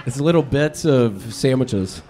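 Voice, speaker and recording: A man doing absurd, rambling stand-up banter on a club stage, talking in a slow, dim, drawn-out way that breaks into abrupt shouts. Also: mid-range voice, animated, a little hiss or hum. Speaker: comedian guest.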